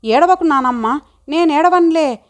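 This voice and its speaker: A woman's voice: high-pitched, measured pace. A woman voicing a young boy who is upset and sobbing to his grandmother in an audiobook. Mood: tearful. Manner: sobbing, pleading.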